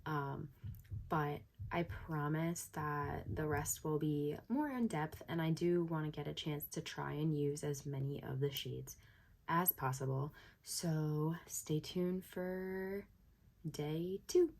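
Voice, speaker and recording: A woman talking casually about makeup in a relaxed, rambling way. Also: low voice, slow pace, gravelly. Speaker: makeup vlogger. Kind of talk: casual chat.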